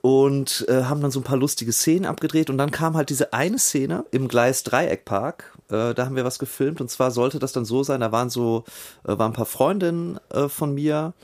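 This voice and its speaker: A middle-aged man chatting casually as a podcast host, telling an anecdote with lively reenactments. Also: medium pitch, moderate pace. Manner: animated storyteller, acts out scenes with raised voice. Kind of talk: casual chat.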